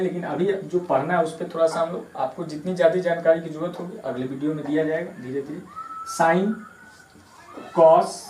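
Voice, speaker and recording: Patient teacher spelling terms in an echoey room. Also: male voice, a little high, a little mellow, far from the mic, slight background noise. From Bihar, India. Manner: patient, repeats terms slowly, spells words letter by letter. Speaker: maths teacher. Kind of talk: classroom lesson explaining at a board.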